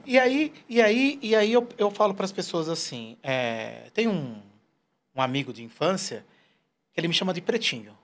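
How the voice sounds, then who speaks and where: High-voiced and speaking at an ordinary pace, this forty-something man is a guest in a relaxed interview. He tells stories with animation, briefly slipping into put-on voices to quote people.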